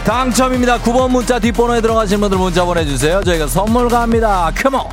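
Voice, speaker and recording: A man hosting a live radio show in the booming delivery of a prize announcer. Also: fast talker. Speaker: radio host. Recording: music behind the voice. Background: background music.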